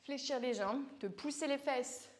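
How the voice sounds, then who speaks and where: A woman coaching a home workout, cracking jokes and teasing herself as she explains each move. Her voice sits a little high. She talks at an easy, unhurried pace. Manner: joking, chatty and self-mocking. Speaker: fitness coach. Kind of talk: casual workout instruction.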